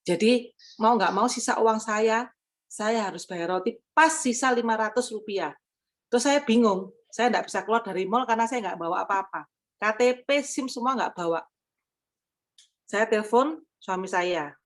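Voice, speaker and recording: A middle-aged woman giving a personal testimony at a women's church service, talking casually with many pauses and fillers. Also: mid-range voice. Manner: conversational, with frequent hesitations and fillers.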